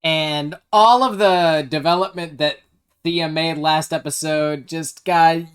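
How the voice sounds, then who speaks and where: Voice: mid-range voice, fairly even intonation, takes it slowly, clear, resonant tone. A host giving casual, slangy reaction commentary on a TV episode, exclamatory and self-deprecating.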